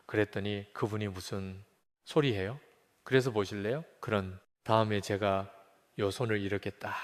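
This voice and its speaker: A man's voice: on the low side, big-room sound. A man, a pastor, giving a personal testimony in a sermon, telling the story earnestly and acting out the voices and prayers in it.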